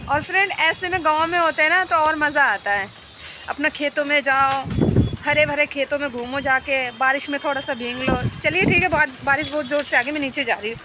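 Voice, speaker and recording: A high-voiced young woman rambles cheerfully to her viewers, circling back with fillers while feeling cold and a little unwell. She records on her phone out on a rooftop. Heavy rain, wind and traffic are loud behind her. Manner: chatty, rambling, repeats herself with fillers. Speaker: vlogger. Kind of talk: casual vlog chat to viewers.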